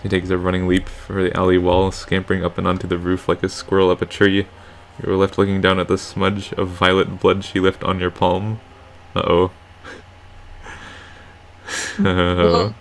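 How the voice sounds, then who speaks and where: Gravelly deep-voiced man reading a game. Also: monotone, a little fast, hardly any pauses, slight background noise. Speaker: let's play co-host reading the game text. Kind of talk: narrating a visual novel aloud.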